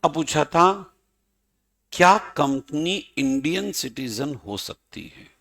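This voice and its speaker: Male teacher, slightly high voice, playful classroom lecturer who calls students by name. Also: big pitch swings, slow, vocal fry, fairly bright tone. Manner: playful, addresses students by name, chanting mock examples.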